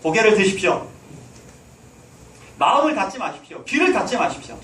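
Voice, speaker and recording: A very animated pastor with a high, slightly bright voice preaches fairly quickly in a church sanctuary. He exhorts his listeners and throws rhetorical questions at the hall, captured by a distant mic in an echoey space.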